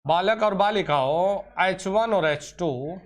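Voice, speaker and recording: A man leads an online exam-prep lecture in a high voice. He talks slowly and stretches out key terms. He calls his students dear children and sometimes scolds them like a teacher. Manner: teacherly, addresses students as "beta" and "pyare bachche", scolds and coaxes; drawn-out slow emphasis on key terms.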